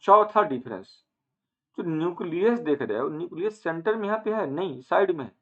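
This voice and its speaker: A man teaching an online lecture, asking questions and answering them himself, with English terms mixed in and some phrases drawn out slowly. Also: high-pitched, animated. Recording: phone-like narrow band.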